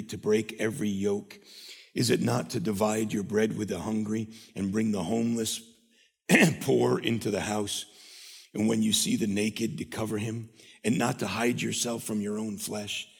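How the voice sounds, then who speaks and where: A man preaches a sermon in a church, his voice gravelly and a little husky. He builds in fervor and clears his throat often. The sound carries a long hall reverb. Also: on the low side. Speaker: pastor. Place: church sanctuary.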